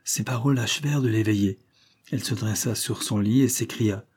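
A man reading a classic novel aloud as an audiobook narrator, in a measured, dramatic manner. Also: lowish voice, a little mellow, slightly rough.

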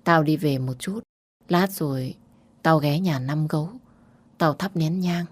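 Woman voicing a blunt rough-spoken country aunt. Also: deep voice, a little slow. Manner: coarse familiar speech.

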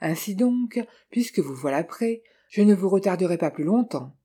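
A reader voicing a cultured gentleman thief who speaks politely with dry irony. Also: mid-range voice, lively intonation, normal speed, husky. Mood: courteous. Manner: polite, dryly ironic. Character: suave cultured gentleman thief, ironic and calm.

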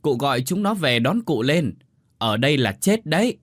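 A man voicing a loud, bossy elderly village woman who shouts and fusses at her deaf neighbor in an audio story. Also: mid-range voice, big pitch swings, a little fast, dry recording, studio quality, pitched above the performer's own voice, natural voice. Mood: urgent shouting. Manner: shouting, urgent, scolding.

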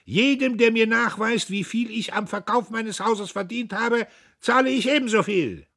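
A man's voice: sits high, normal speed, creaky, fairly bright tone, pitched above the performer's own voice, heavily acted. A man voicing a bullying, cowardly man who bellows at a crowd like a barker, in a read-aloud novel. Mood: bellowing. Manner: bellowing, boastful.

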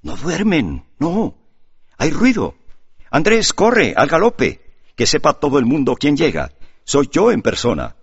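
A man's voice: lowish voice, huge pitch swings, normal speed, fairly bright tone, husky, highs cut off, full character voice. A man reading an audiobook, voicing a passionate, jealous young nobleman who bursts out in breathless exclamations. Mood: excited.

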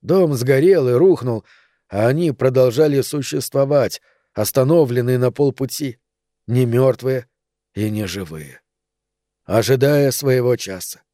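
A man narrating a literary story in a measured, dramatic way with long pauses. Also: medium pitch, mellow, no room sound, studio quality. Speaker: audiobook narrator.

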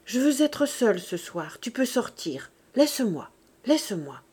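A remorseful, tender old mother, as a woman reader gives her voice. She speaks softly and pleads with feeling. It sounds like dialogue in a read novel. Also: a little high, sing-song, unhurried, husky, heavily acted. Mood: weary. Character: aging peasant mother, grave, tender, remorseful.

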